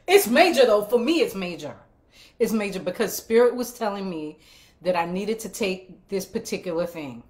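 A woman in her fifties hosting a casual livestream chat, playful and emphatic, cheering viewers on with repeated phrases. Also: on the high side. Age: 50s. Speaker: livestream show host.

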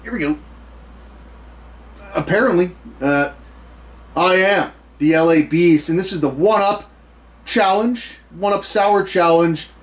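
An American man in his thirties hosting a food challenge to camera, talking casually and haltingly with mock-serious bravado. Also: high-pitched. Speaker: food challenge video host. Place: small indoor room full of memorabilia.

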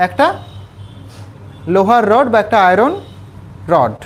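His voice is high with big pitch swings as this West Bengal man tutors school students in English in a small class. He breaks down a textbook passage step by step, patiently repeating points and asking quick questions to confirm they follow.

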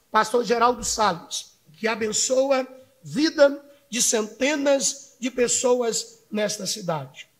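Pastor from Minas Gerais, 30s, speaking at a podium mic in a council chamber. Very high voice, slow and measured delivery. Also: male voice, a bit bright. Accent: Brazilian Portuguese, Minas Gerais. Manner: measured, solemn, reading from notes. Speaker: church pastor giving a speech. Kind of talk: formal prepared speech read at a podium. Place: city council chamber, indoors. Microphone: podium microphone.

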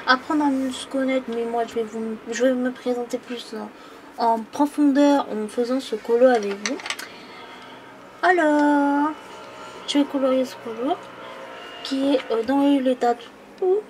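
A woman in her twenties from Île-de-France colors at a table indoors while chatting on camera for her YouTube channel. Her fairly even, high-sitting voice moves at a measured pace with long pauses, and she's casual and hesitant, using many fillers. There's slight background noise.

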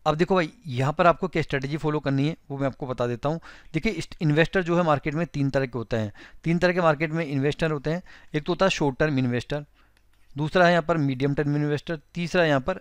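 Brief: Indian man, tutorial host, fairly high smooth voice, dry close mic, chatty step-by-step explainer. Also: fast, dry recording. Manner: conversational, explains step by step, addresses viewers as friends. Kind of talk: screen-recorded explainer with annotations.

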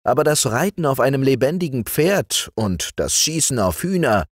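A man reading aloud voices a smooth-talking male sorcerer who flatters and tempts. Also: mid-range voice, moderate pace, no echo, studio quality, voice pushed up. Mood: coaxing. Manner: persuasive, bowing and flattering.

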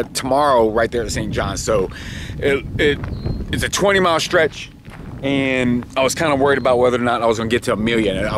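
Man in his forties, casual outdoor video diary, halting and rambling, camera held close, open water behind. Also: medium pitch, noisy background. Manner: rambling, halting, with frequent restarts and small laughs. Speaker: kayak travel vlogger. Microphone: handheld camera or lapel, close framing.

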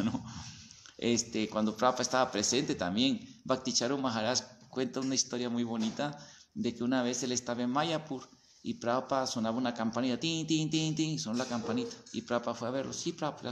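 A man with a Mexican accent giving a lively storytelling talk to devotees, acting out voices and sounds as he goes. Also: medium pitch, a little hiss or hum. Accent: Mexican Spanish. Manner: animated storyteller, acts out voices and sounds, often asks "¿verdad?". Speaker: spiritual teacher.

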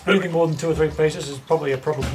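A man's voice: a little high, steady tone, racing, noisy background. A man chatting casually, with crude, matey, slangy joking. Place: indoors in a cluttered home dining room. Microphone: handheld camera microphone.

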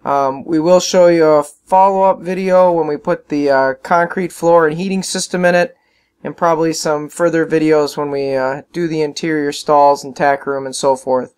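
Farm owner narrating his own video: easygoing man, smooth tone, a little high. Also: moderate pace. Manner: relaxed, plainspoken, with frequent fillers. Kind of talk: casual voice-over narration.

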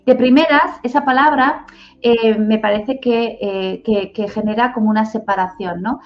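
A woman's voice: a little high, moderate pace. A woman from Spain working as a family counselor, answering interview questions in a reflective way, with many "eh" fillers and "¿no?" tags. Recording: slightly dull lo-fi audio.

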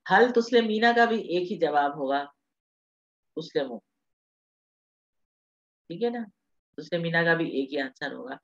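Woman teacher for an online class, patient and reassuring, lowish voice, dull lo-fi call audio. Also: lively intonation, long pauses. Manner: patient, reassuring, mixes English terms.

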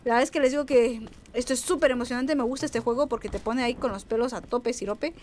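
Young woman gamer, high and excitable, chatting to viewers and enemies. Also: fast, a little hiss or hum. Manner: chatty, excitable, talks back to game characters. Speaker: gaming YouTuber. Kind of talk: let's-play commentary. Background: game music.

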